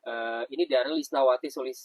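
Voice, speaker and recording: A man hosting a live talk show, reading viewer questions in a soft, hesitant way. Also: medium pitch, a little fast, muffled recording, faint music behind.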